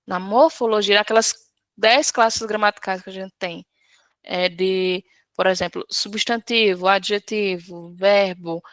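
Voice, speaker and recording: A woman with a medium-pitched, slightly bright voice, recorded without echo, teaches Portuguese in a live class. She patiently works through an exam question step by step, frequently checking in with her students by asking "certo?".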